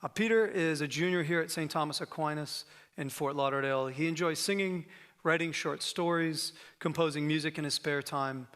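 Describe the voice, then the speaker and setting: A man, a teacher, formally introducing a student speaker at a school event, slightly halting with filler pauses. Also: a little high, a bit bright, clean tone. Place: school auditorium stage.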